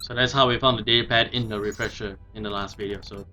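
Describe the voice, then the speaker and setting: A man talks through a video game in a casual way. His voice is bright and forward, and he halts and hesitates as he thinks aloud, with music softly behind him. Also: lowish voice, fairly even intonation, fast. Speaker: let's play commentator.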